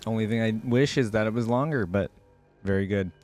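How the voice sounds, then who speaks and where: This reaction video host, a young adult man, talks fairly quickly in a fairly low voice while music plays behind him. Seated at a desk in a small room, he thinks aloud through relaxed, chatty game commentary, captured by a close desk mic as he wears a headset.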